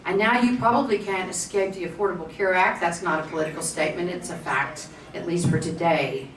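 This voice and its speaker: A woman's voice: fairly low pitch, fairly even intonation, fairly quick. A woman moderating a conference panel, chatty and joking. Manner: chatty, joking, self-deprecating. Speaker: panel moderator, state representative. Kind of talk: public speaking at a panel. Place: conference room. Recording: roomy, distant mic, faint noise.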